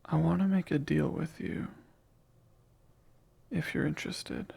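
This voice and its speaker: In an ASMR roleplay, a man voices a lonely, clingy male sleep paralysis demon in a full character voice. His whisper is soft, breathy and fairly high-pitched, and he muses slowly and wistfully in a tender mood.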